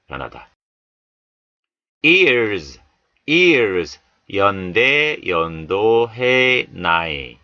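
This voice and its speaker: A man teaching English Bible verses and pronunciation, saying each word slowly and more than once before explaining it. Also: mid-range voice, sharp tone, dry recording. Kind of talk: slow, deliberate pronunciation lesson.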